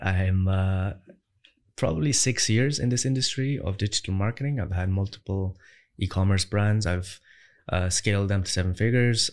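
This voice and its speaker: A young Irish entrepreneur, speaking as an interview guest, has a lowish, darkish voice. He's conversational and emphatic, piling up rhetorical questions with mounting force.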